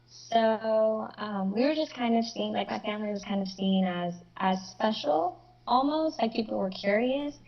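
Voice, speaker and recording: A young woman originally from Mexico who grew up in Northern Kentucky speaks as an interview guest over a video call, with a slight Kentucky accent. Her voice is a little high with vocal fry, at a normal speed, and the audio sounds dull. She is reflective and uses many fillers.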